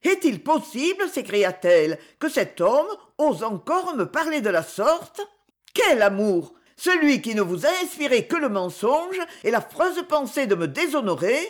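Woman playing a betrayed young woman, indignant, breathy, high, very expressive, storybook. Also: normal speed, hardly any pauses. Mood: outraged. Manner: emotional, pleading, outraged. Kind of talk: audiobook character voice.

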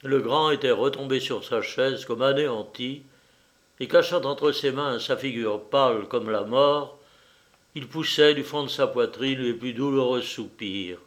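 A man reading a literary tale aloud, with measured, formal storytelling. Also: medium pitch. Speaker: audiobook narrator. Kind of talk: scripted literary narration.

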